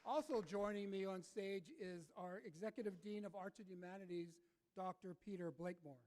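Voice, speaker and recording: A man's voice: high voice, normal speed, a little mellow. A man making formal ceremony announcements in a podium speech as the host of a commencement, over a PA in a large hall. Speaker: college president hosting commencement. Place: large commencement venue, on stage.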